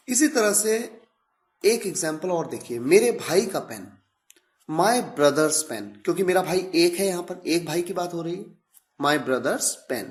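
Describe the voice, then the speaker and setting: Lively-pitched man teaching grammar patiently. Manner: patient, repetitive explaining, drawing out example phrases slowly. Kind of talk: recorded video lecture.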